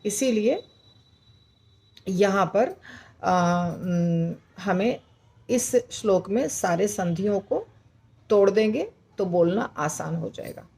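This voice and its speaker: Slow, patient woman teaching recitation. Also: medium pitch, expressive, creaky, a little mellow, slightly rough. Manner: patient, repeats words slowly and breaks them into parts. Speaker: Sanskrit pronunciation teacher. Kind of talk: slow explanatory class on verse recitation.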